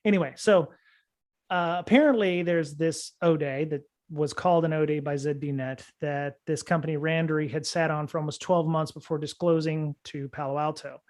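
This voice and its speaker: A man with a fairly high voice hosts a casual security podcast chat. He rambles, circling back with fillers and restarts as he goes. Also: fairly even intonation, normal speed, darkish tone. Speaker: podcast host.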